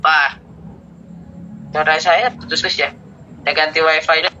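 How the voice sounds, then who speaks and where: A man hosting an online meeting, his voice choppy and breaking up over a bad connection, talking in a brisk, upbeat way. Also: fairly high pitch, steady tone, sharp tone. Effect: choppy, breaking-up online call audio. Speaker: meeting host. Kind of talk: casual online meeting chat. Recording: dull lo-fi call audio with faint noise.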